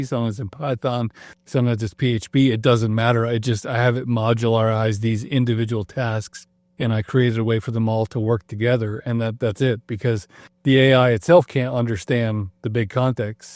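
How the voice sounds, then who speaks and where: A man guesting on a podcast, explaining in a relaxed, agreeable way. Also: medium pitch, no room sound. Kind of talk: casual conversation.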